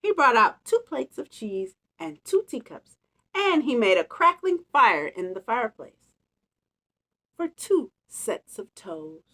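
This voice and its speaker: Woman, storytime reader, higher-pitched voice, very lively intonation, expressive read-aloud, chatty asides. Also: takes it slowly. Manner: animated, chatty, savouring phrases.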